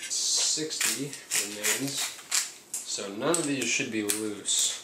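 A man's voice: lowish voice, takes it slowly. A young man with a laddish, casually sweary bro manner, chatting casually as he works on cars. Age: young adult. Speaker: car channel host and mechanic. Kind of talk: casual chat while working on a car. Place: home garage. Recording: clattering tools and noise in garage.

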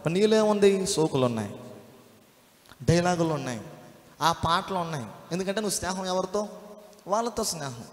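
A man's voice: a little high, lively intonation, brisk, long pauses. A man preaching a sermon, storytelling and firing rhetorical questions at the congregation. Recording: echoey hall.

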